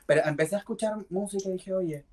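A man, a drag performer, telling his own story in a casual interview with a lively, playful delivery. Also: high-pitched, quick pace. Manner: lively and playful, acts out quoted voices, laughs often. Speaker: drag queen guest.

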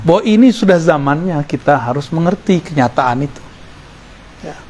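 Man giving a relaxed sufi lecture. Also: on the high side, normal speed, slight background noise. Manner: relaxed, joking aside with listeners. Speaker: religious teacher. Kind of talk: sufi study-circle lecture.

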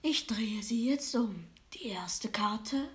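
A woman voicing a mysterious fortune teller who speaks in slow, hushed whispers. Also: a little high, lively intonation. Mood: secretive.

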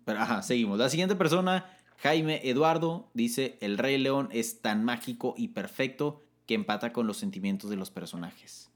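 A man's voice: normal speed, hardly any pauses. A young man with a Mexican Spanish accent co-hosting a casual chat, reading listener comments in an upbeat way and laughing often. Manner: upbeat, laughs often, jumps pitch when excited.

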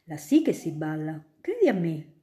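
Woman playing a kindly young student, animated storyteller, warm mellow voice, echoey room. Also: low voice, normal speed. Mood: enthusiastic. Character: kindly young male student telling tales. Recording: roomy echo.

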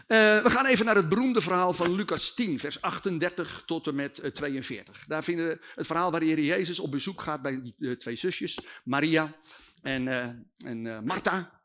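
A man from the Netherlands, preaching a comic storytelling sermon, animated and jokey. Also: on the high side, normal speed. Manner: animated, jokey, acting out voices.

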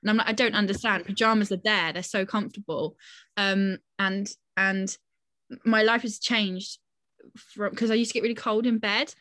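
A woman's voice: mid-range voice, steady tone, normal speed, fairly bright tone, no echo. An enthusiastic young woman in her twenties who rambles happily through casual podcast chat, restarting her sentences and filling them with "like." The recording is close and dry. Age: 20s. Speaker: podcast co-host.

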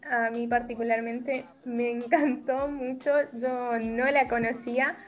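A woman's voice: on the high side, flat delivery, measured pace. A woman host chatting casually and saying how much she liked a reading. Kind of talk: casual chat.

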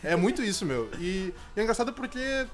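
A young man, joking quickly and animatedly in a casual podcast chat. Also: high voice, very animated. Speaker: podcast co-host.

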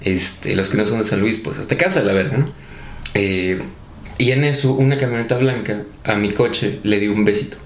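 A man's voice: fairly low pitch, moderate pace, a little hiss or hum. A young man with a Mexican accent telling a story in a casual podcast chat, full of swearing and laughter. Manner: swears a lot, laughs often. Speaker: podcast co-host. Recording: echoey room.

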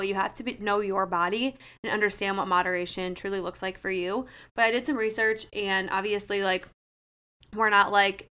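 Woman in her twenties, bright forceful voice, casual chatty podcast co-host, says "like" a lot. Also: mid-range voice, clean tone. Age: 20s. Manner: chatty, fills talk with "like". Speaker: podcast co-host and personal trainer.

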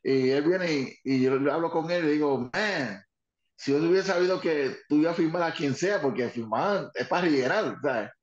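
An older man tells wrestling stories in a lively, animated way. His voice sits a little high for a man, and he drops English phrases in between restarts. The recording sounds dull and roomy. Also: normal speed. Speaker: former wrestling manager telling stories. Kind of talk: animated anecdote telling.

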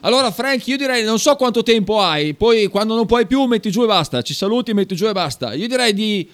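A high-voiced male radio host, chatting about football in a jokey, laughing way. He reads team lineups off in quick runs. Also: expressive. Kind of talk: casual sports radio chat. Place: small radio studio.

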